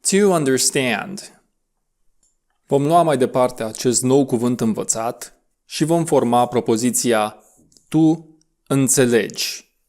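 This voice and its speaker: A man leading an audio lesson on English pronunciation. He gives quick instructions and then draws out the model words slowly. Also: mid-range voice, darkish tone. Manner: slow, drawn-out model words between brisk instructions.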